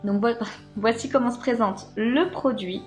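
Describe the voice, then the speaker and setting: A woman talks casually through a beauty box unboxing, full of little hesitations. Her voice sits a touch high, and soft music plays faintly underneath. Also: unhurried. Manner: chatty, hesitant, many fillers. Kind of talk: casual unboxing chat to camera.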